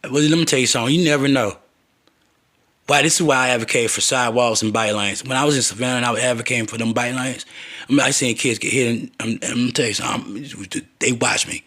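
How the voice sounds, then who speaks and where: Husky man telling rambling profane stories. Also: medium pitch, fairly even intonation, fast, fairly bright tone. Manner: loose, profane, digressive, acts out quoted voices. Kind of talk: rambling personal storytelling monologue.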